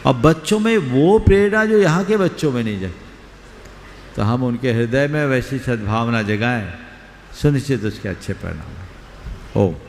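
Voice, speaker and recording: A man, a monk, giving calm, measured counsel in a spiritual question-and-answer session. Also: mid-range voice, slight background noise. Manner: measured, advisory, gives brief counsel. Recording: long hall reverb, roomy, faint ambience.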